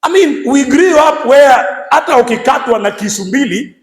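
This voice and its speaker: Kenyan pastor guy, really high voice, lively sermon with shouty bits, echoey room. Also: normal speed. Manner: lively preaching, mixing English and Swahili, bursts of shouted emphasis.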